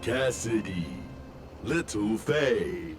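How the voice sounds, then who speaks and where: An actor voicing a simple beeping robot that speaks in slow, childlike short phrases with spoken beeps and refers to itself in the third person. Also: male voice, lowish voice, animated, music in the background. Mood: plaintive.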